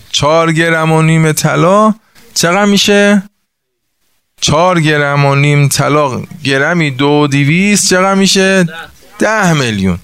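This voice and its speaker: In a clean, fairly bright, slightly high voice with no echo, a preacher tells religious stories and performs the voices of their characters. Along the way he works through sums, putting questions to his listeners.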